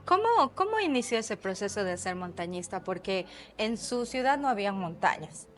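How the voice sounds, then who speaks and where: A woman's voice: mid-range voice, sing-song, normal speed. A woman hosting a casual podcast interview in a café, chatty and friendly. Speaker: podcast host. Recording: faint café ambience.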